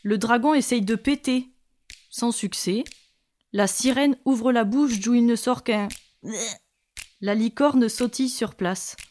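A woman reading a children's story aloud in a lively, expressive way. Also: a little high, slow pace.

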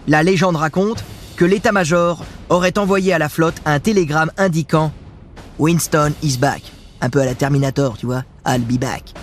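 A man giving scripted history narration with casual asides, talking straight to the listener in a chatty way. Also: high voice. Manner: chatty, addresses the listener directly.

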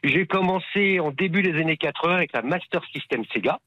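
A man's voice: a little high, fairly quick, no echo. Eager man in his sixties on a phone line. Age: 60s. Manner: eager, rambling. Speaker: radio caller. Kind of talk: phone-in chat.

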